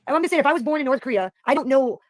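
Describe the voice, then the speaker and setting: American male streamer, rambling profane rant, very fast delivery, dry mic. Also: extremely high pitch, animated, no echo. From United States. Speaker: livestream host. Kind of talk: casual political rant on a livestream.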